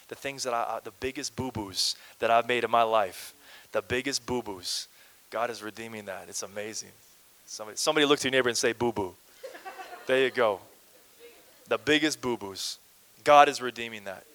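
A Canadian pastor delivers a lively, conversational sermon full of playful asides and calls out to the congregation. His voice is medium in pitch, and the recording quality is low.

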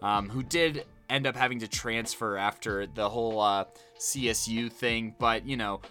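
A man's voice: fairly low pitch, fairly even intonation, normal speed, sharp tone, soft background music. An American man giving casual sports analysis as a co-host, talking discursively and piling up points.

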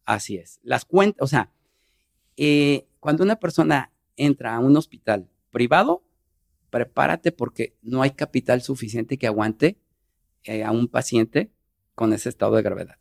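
A middle-aged man, a podcast guest telling an emotional personal story earnestly, in fast bursts. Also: mid-range voice, gravelly.

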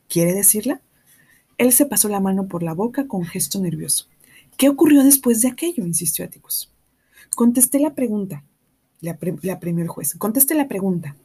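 A woman's voice: medium pitch, mellow, husky. A woman reading a novel aloud, narrating plainly and giving the dialogue light voices. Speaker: audiobook reader.

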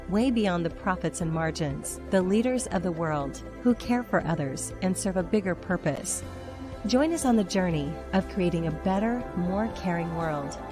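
A woman announcing a podcast's opening in a polished scripted read. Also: on the low side. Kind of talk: scripted intro. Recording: over music bed.

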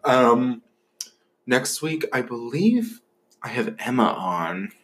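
A man's voice: mid-range voice, sing-song, slow pace, fairly bright tone. A young man hosting a casual podcast, chatting while eating and talking with plenty of fillers and laughs. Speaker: podcast host.

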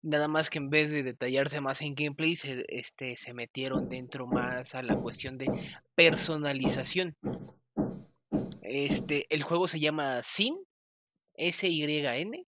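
A man's voice: medium pitch, slow pace, sharp tone. A man with a Mexican accent chatting casually about gaming news as a co-host, in a slangy street-style drawl. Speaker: podcast co-host.

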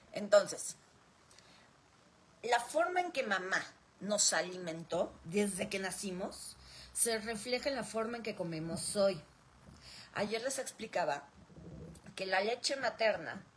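A woman's voice: mid-range voice, slight background noise. A woman giving an informal spoken lecture, explaining through rhetorical questions and repetition. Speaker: speaker on emotional roots of illness.

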